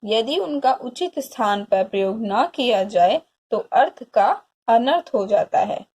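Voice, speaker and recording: A woman school teacher explaining a grammar lesson to pupils, repeating each definition slowly so they can write it down. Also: fairly high pitch, expressive, a little mellow, husky.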